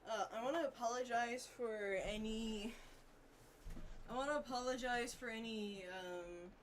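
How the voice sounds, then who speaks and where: A woman's voice: a little high, unhurried. Woman game streamer chatting casually, bit far from mic, fan noise going. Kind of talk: casual live game commentary. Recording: noisy fan, distant mic.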